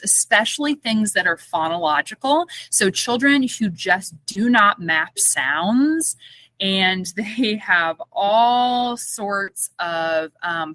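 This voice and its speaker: A woman speech therapist chats on a podcast with a bright, forceful voice, animated and playful as she acts out small scenes with quick laughs. The sound is dry and close, with no room echo. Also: mid-range voice. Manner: animated storytelling with playful acted-out quotes and laughter. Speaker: guest speech-language pathologist. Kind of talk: casual podcast interview.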